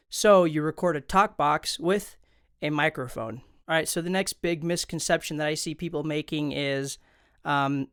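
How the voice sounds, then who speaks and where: Speaking close to a studio condenser mic, a man hosts an instructional video in a relaxed, conversational style. His voice is fairly high and fairly bright, smooth, and free of echo.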